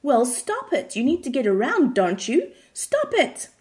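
A woman voicing a blunt, impatient male therapist in a retold comedy sketch, speaking curtly and deadpan. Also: medium pitch, normal speed.

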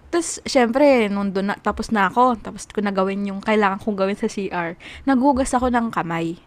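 A woman's voice: mid-range voice, a little fast. A young woman casually telling a story to friends, rambling with lots of fillers and swearing. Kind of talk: casual chat.

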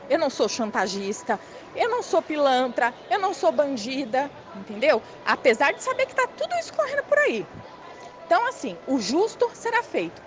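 Lively high-pitched Brazilian woman, emphatic. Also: a little hiss or hum. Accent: Brazilian Portuguese. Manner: emphatic and repetitive, addressing someone by name. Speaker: lawyer handling a family estate. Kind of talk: confrontational monologue.

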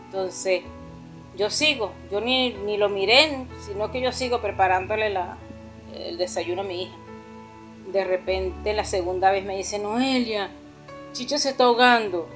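A woman's voice: medium pitch, fairly even intonation, measured pace, a bit bright, faint music behind. A middle-aged woman with a Venezuelan accent giving an earnest, heartfelt personal testimony in church. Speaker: pastor's mother-in-law giving a testimony.

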